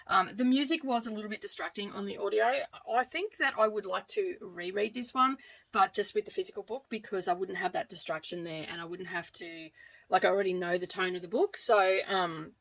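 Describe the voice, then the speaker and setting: This woman has an Australian accent and a mid-range, fairly bright voice that moves fairly quickly. As a book reviewer and vlogger, she chats casually to camera, rambling and frequently correcting herself.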